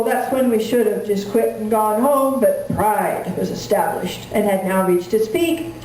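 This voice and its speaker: A woman performs cowboy poetry in a very echoey room, picked up from a distance. Her voice is fairly high yet mellow. She delivers the rhymed verse like a folksy storyteller. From rural Wyoming, United States. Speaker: cowboy poet. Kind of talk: cowboy poetry recitation to a live audience. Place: indoor room at a live gathering. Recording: echoey room, distant mic, faint noise.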